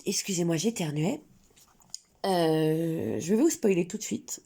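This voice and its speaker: A woman with a low, gravelly voice and a cold, sniffling now and then as she chats about coloring. Her tone is dark and somewhat husky, and she talks casually, stopping often for fillers. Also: animated, measured pace. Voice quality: chatty, hesitant with many fillers. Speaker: coloring channel creator. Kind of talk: casual crafting vlog.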